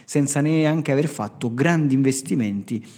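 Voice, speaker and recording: A man's voice: medium pitch, moderate pace, a little mellow. A man hosting a podcast, explaining things conversationally to listeners and emphatically repeating his key phrases. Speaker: podcast host. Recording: long reverberant hall echo.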